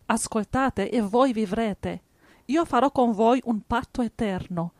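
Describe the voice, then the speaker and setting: Woman, fairly high voice, measured scripture reader. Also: dry recording. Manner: steady, measured reading. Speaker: scripture reader in a church service. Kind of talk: reading Bible passages aloud.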